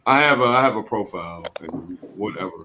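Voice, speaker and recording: A man's voice: fairly low pitch, expressive, a little fast, sharp tone, slight background noise, low-quality recording. A man hosting a podcast in casual group chat, laid-back and profane, laughing often. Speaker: podcast host.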